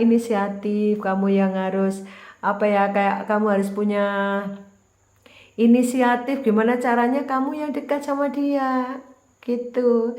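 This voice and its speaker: A woman tarot reader talks straight to the viewer in a chatty, repetitive way. Her voice sits a little high, and the room around her adds a clear echo. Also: a little mellow. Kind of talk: casual general tarot reading monologue. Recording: roomy echo.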